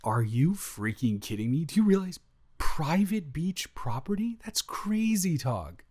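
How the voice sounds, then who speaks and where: In an improvised roleplay clip, a man plays an excited, affectionate boyfriend on vacation, rambling and stammering playfully. His voice runs on the high side at a measured pace, sounding thrilled and incredulous.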